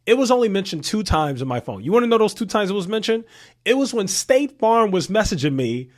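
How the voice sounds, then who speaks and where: A commentary channel host, a man of about thirty, speaks directly to his audience in casual commentary, using rhetorical questions and repeating key points for emphasis. His brisk voice sits slightly higher than most men's, with big pitch swings.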